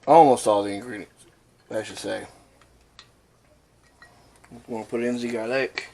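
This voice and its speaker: A man's voice: on the low side, a little slow, vocal fry, background noise. A man hosting a casual cooking vlog from his kitchen, joking and rambling as he adds ingredients step by step. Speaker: cooking channel host. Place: home kitchen.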